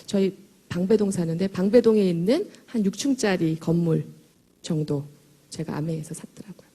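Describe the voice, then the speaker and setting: A middle-aged woman giving a lively, emphatic motivational talk to a live audience in a large hall, her voice a little hoarse and chatty, joking with the listeners as she goes. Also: on the low side, normal speed. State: slightly hoarse. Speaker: motivational speaker at a sales event.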